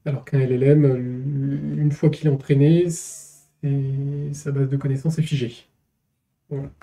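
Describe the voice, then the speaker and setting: A man's voice: mid-range voice, flat delivery, measured pace, warm tone. A man, a developer guest on a casual tech podcast panel, who explains technical ideas in plain terms.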